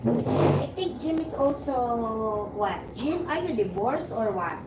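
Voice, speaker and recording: A Filipino woman in her forties hosts a livestream, her high voice swinging widely in pitch against a noisy background. She chats with and teases her viewers, laughs a lot, and keeps restarting sentences. The mic is distant in a roomy space with plenty of ambient sound.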